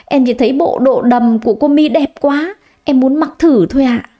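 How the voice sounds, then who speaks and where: Woman narrator playing a scared young housemaid, pleading, high, mellow. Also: normal speed. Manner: tearful, begging.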